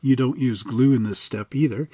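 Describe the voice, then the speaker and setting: Mellow and slightly rough, the medium-pitched voice of this middle-aged host moves at a moderate pace, with no room sound. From western Canada, he runs a model kit channel and chats in a folksy, informal style during a casual unboxing and instruction walkthrough.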